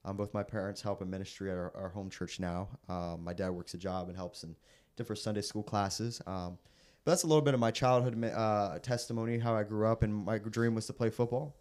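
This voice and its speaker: A young man preacher sharing his testimony in a casual interview, earnest and halting with frequent restarts. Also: fairly low pitch, steady tone, a little mellow. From raised in the Philippines, American. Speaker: guest preacher.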